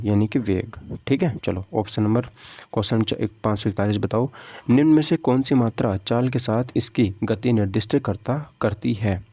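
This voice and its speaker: A physics teacher coaching students for exams works through practice questions, repeating himself and answering his own questions. His voice is lowish and warm, with no room sound.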